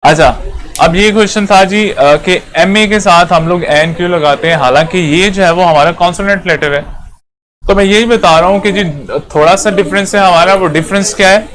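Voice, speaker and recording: Pitched high and fairly bright, the voice of an English teacher, an Urdu-speaking man, moves at normal speed through a classroom lesson. He says things more than once and asks "clear?" to be sure the class is following.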